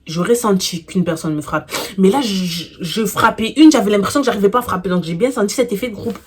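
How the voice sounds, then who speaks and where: A woman casually telling a personal story for her vlog, animated and slangy, full of fillers, getting louder and more intense as the tale heats up. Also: mid-range voice, fast, breathy edge. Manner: gets louder and more intense while recounting the fight.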